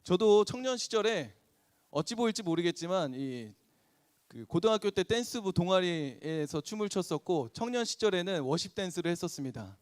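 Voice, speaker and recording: A man in his forties preaching a sermon as pastor, animated and acting out prayers and arguments in different voices. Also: high-pitched, moderate pace, no room sound. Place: church sanctuary.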